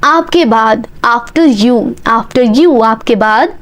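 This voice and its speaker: A woman with an Indian accent leads a practice lesson in a high voice. She reads at a very slow, careful pace and splits each sentence into pieces. Her pitch rises on the final word of each line. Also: fairly bright tone. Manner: reads each English sentence slowly and splits it into parts, rising on the last word; quick chatty asides to viewers. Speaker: English teacher.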